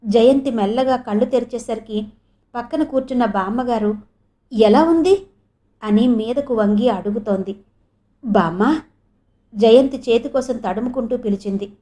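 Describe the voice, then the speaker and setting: Mellow-voiced woman reading a novel. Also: on the high side. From India. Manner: measured, expressive storytelling. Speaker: audiobook narrator. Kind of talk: audio novel narration.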